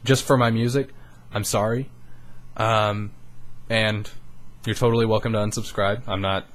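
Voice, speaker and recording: A lowish, level voice at a normal speed belongs to this young adult YouTuber, eighteen years old, recording a candid vlog into a studio microphone. He's earnest and a little rambling, with casual swearing and an emotionally raw feel.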